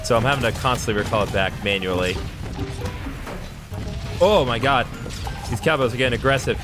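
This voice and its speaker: A man's voice: medium pitch, a little fast, over music. A young man giving chatty, playful let's play commentary on a game. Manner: chatty, self-deprecating, playful. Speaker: gamer.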